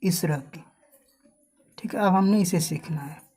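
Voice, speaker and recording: A husky woman's voice, fairly low and dark in tone, leads a spelling lesson for learners. She spells names slowly, drawing each letter out, and asks the viewer quiz questions.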